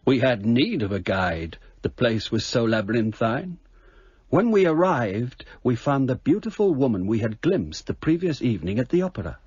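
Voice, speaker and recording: An actor playing an earnest gentleman doctor, a husky-voiced companion and narrator in a radio drama. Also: mid-range voice, sing-song, normal speed, no room sound. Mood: reflective narration. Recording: muffled, dry radio broadcast.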